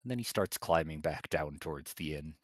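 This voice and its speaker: A man narrating scenes as game master of a tabletop game, calm and descriptive. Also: very deep voice, fairly quick, dry recording.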